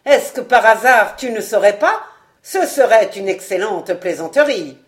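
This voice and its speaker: A cruel, mocking man, a former acrobat who taunts a wounded enemy with cold irony, put on by a woman reading a storybook. He speaks in a carrying, scornful voice with a steady, middle pitch. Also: unhurried, natural voice. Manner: ironic, sneering.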